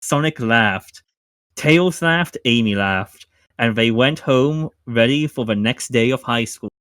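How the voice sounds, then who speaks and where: A man hosting a podcast, narrating fanfic aloud with halting restarts and bursts of laughter. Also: medium pitch, a bit bright, no room sound. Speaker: podcast host. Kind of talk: reading fanfic aloud, casual chat.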